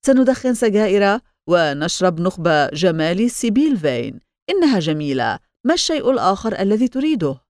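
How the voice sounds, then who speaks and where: A woman voicing a gentle, kindly man in an audiobook, speaking soothingly. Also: medium pitch, very animated, fairly quick, no echo, studio quality, close to an everyday voice. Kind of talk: audiobook character reading.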